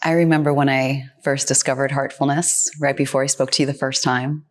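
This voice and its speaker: A woman's voice: a bass voice, little pitch movement, fairly quick. A woman interviewing a spiritual teacher in a conversation, speaking in an earnest, personal way.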